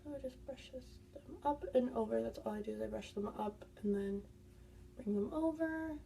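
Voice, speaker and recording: A woman's voice: fairly high pitch, moderate pace, vocal fry, warm tone, far from the mic, a little hiss or hum. A woman doing a casual makeup tutorial, chatty and congested, explaining each step as she goes. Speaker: beauty vlogger.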